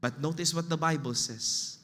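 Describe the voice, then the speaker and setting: A man with a Filipino accent preaching a sermon as pastor, slow and emphatic, in a church hall. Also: a little high, bright, forceful tone. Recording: long reverb of a church hall.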